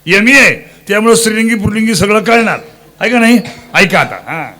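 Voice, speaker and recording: High-voiced man preaching a kirtan. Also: animated, fast talker, a bit bright. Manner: teasing, quizzes the crowd, breaks into sung verses. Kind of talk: Marathi devotional kirtan sermon.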